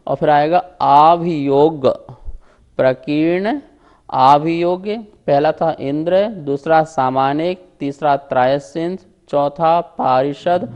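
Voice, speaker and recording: A man's voice: fairly high pitch, darkish tone. A man teaching a scripture lesson, pronouncing each term syllable by syllable and explaining it step by step. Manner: explains syllable by syllable, drawn-out words. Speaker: religious teacher. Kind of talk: slow recitation lesson.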